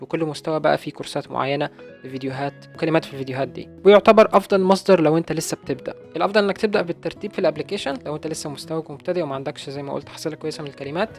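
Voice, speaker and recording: A man's voice: on the high side, gravelly. A young adult man with an Egyptian Arabic accent, earnestly recommending learning resources in a casual advice video. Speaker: language-learning YouTuber.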